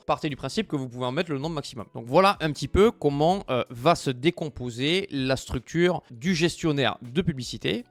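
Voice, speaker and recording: A man's voice: mid-range voice, no echo. Didactic man, dry close mic. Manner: didactic, checks in with "ok?" and "d'accord?" often. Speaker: dropshipping trainer. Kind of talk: screen-share tutorial explanation.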